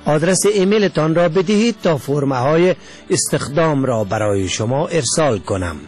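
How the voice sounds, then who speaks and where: A man with an Afghan Dari accent voicing a brisk male company chief who speaks curtly. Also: fairly high pitch, lively intonation, a little mellow, faint music behind, natural voice.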